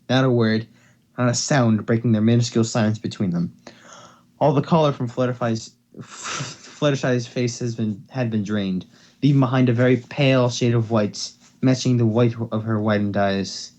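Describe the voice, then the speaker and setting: Hosting an amateur dramatic reading of fan fiction, this man speaks in a mid-range, slightly mellow voice. He stumbles over words now and then and repeats phrases as he goes.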